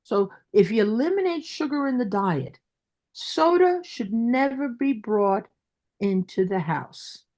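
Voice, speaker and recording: A woman's voice: mid-range voice, animated, unhurried, a little mellow. Emphatic woman with a Brooklyn accent. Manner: emphatic, repeats herself for stress. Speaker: dentist guest. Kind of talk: interview.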